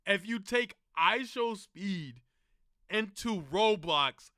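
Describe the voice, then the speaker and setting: A man's voice: high voice, expressive, slow pace, sharp tone, dry recording, clean studio sound. A young man streaming casual reaction commentary, joking and slangy, saying "bro" a lot.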